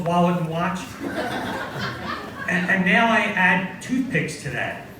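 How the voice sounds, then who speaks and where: A man's voice: high-pitched, pushed and bright. A man in his forties performing a stand-up comedy set on a coffee house stage, self-deprecating punchlines delivered to a live crowd. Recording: very echoey room, far mic, audience noise.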